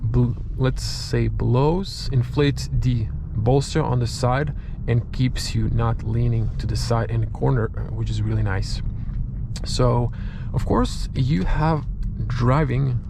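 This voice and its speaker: Speaking slowly at a medium pitch, a Croatian man talks casually through a car review in English, which isn't his first language, and sometimes searches for the right word. His accent is Croatian. Car and ambient sounds are clearly audible behind him.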